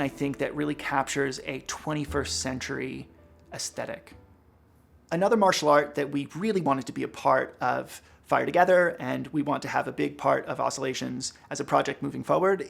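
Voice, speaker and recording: A man's voice: a little high, normal speed, gravelly, soft background music. A man directing a dance production, talking through his ideas in a thoughtful, explanatory way for a behind-the-scenes interview.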